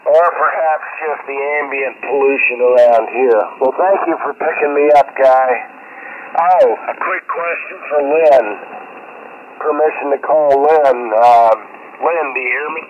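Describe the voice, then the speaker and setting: Folksy ham operator, hoarse, dull radio sound with light hiss. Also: male voice, medium pitch, a little slow. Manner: jovial, folksy. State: hoarse from allergies. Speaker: ham radio net participant. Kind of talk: on-air radio check-in. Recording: muffled radio with faint hiss.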